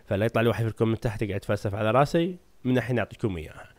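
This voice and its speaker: Rapid-fire chatty man. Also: fairly low pitch, dry recording. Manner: chatty, asks the audience "right?". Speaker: gaming channel host. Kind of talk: casual lore explainer.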